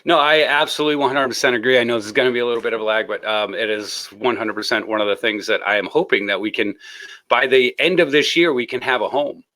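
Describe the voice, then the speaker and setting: A man's voice: medium pitch, quick pace, bright, forceful tone. A man hosting a casual live stream, joking, laughing and rambling as he greets his guests.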